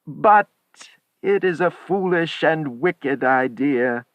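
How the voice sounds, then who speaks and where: A man's voice: a little high, animated, takes it slowly, vocal fry, dry recording, narrow, tinny audio, pitched above the performer's own voice, heavily acted. A man doing a trembling, frightened old man. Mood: fearful. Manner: shaking, weak.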